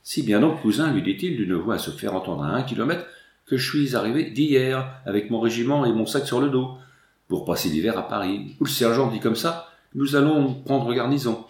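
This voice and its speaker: A man voicing a loud, jovial young country soldier who talks bluntly and boisterously. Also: animated, moderate pace, roomy sound, natural voice. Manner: boisterous, booming country talk.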